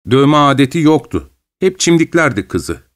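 A man reading a novel aloud in a measured, even storytelling voice. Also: on the high side. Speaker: narrator. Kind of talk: audiobook narration.

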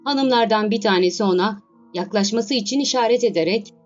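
Female narrator, steady storyteller, slightly dull lo-fi recording with faint music behind. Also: medium pitch, brisk. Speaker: audiobook narrator. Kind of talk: scripted narration of a classic novel.

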